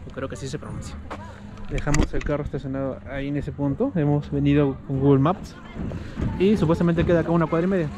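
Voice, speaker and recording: A man's voice: on the high side, fairly even intonation, fast. Chatty man vlogging outdoors. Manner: chatty, loose, with many fillers like "este" and "eh". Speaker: travel vlogger. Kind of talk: casual travel vlog commentary. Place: outdoors and on the road while traveling. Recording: noisy outdoor recording.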